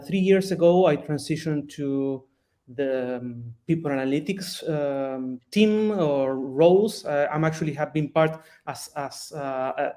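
A man from Argentina introducing himself as a guest on a video call, halting and full of fillers. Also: fairly high pitch, darkish tone. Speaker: panel guest.

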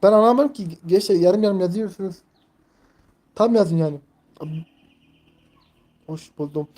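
Rambling on a live stream, this twenty-something man reads viewer messages aloud and relies heavily on filler words. His voice is high and mellow, and he talks a little slowly.

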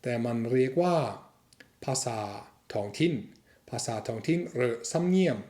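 A man's voice: mid-range voice, animated, moderate pace, dark tone. Chatty man teaching in an echoey room. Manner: chatty, corrects own slips with a laugh. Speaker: language teacher. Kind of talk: casual video lesson.

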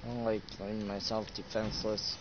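A man's voice: on the low side, level tone, fairly quick. A man doing casual horror game commentary as a streamer, wary and talking to himself in short muttered remarks. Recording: muffled, clearly noisy game recording.

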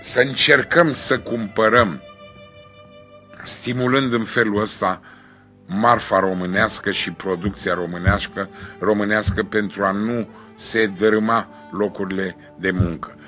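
A man's voice: on the low side, steady tone, bright, forceful tone, faint music behind. A man hosting a TV talk show, effusive and emphatic, heaping praise on his guest.

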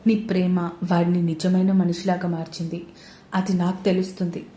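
Woman reading as a gentle elder brother. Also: on the low side, level tone, normal speed, echoey room, a little hiss or hum, lightly acted.

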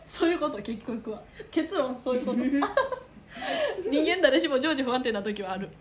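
A young woman livestreamer with a Kansai accent talks casually to her viewers. Her voice is high and swings freely up and down as she chats at a phone held close by in a room. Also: sing-song, moderate pace. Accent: Kansai Japanese. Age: young adult. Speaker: idol livestreamer. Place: small room with a brick-patterned wall, indoors. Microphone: phone at arm's length.

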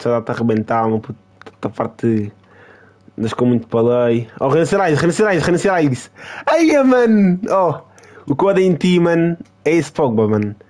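A young man with a European Portuguese accent, live-streaming a football game in excitable, trash-talking casual chatter that repeats itself. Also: medium pitch, a little fast. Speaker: gaming streamer.

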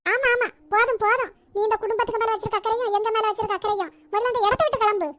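A woman's voice: very high voice, fairly even intonation, very fast, fairly bright tone, no echo. A woman voicing a stern elderly matriarch in a cartoon, with a Nagercoil Tamil accent and a scolding, commanding manner. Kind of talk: cartoon voice acting.

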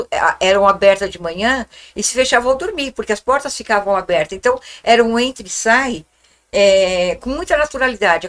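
A woman, telling childhood memories as a guest in a small podcast studio, speaking reflectively into a desk microphone. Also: medium pitch. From Guarulhos, Brazil. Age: 70s. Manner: warm, reflective storytelling with gestures. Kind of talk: reminiscing interview talk.

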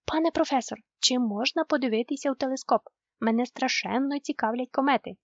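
A woman's voice: high-pitched, brisk, no echo, highs cut off. A woman voicing a small, timid and curious male storybook creature who asks anxious questions.

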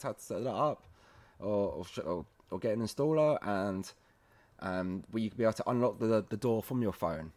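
A man presents a casual how-to demonstration for a product tutorial series, talking to viewers informally and in a friendly way. His voice is medium-pitched with a dark tone.

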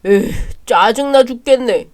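A woman's voice: fairly high pitch, measured pace, close to an everyday voice. A woman voicing a sullen young male student who talks curtly and sarcastically. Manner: curt and sarcastic.

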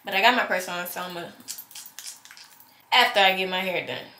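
Here a teenage girl vlogs in a mid-range voice at a moderate pace, bright and forceful in tone, though her nose is stuffed up. She rambles casually, chatty and candid, wandering off into asides.

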